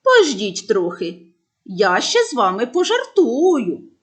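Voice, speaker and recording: A woman plays a mischievous young shepherd boy from a children's storybook, his voice pitched high and swooping about. He yells for help and mocks with laughter, a prankster through and through. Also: wildly swooping pitch, slow, full character voice. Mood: teasing. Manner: shouting for help, mocking laughter. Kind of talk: storybook voice acting.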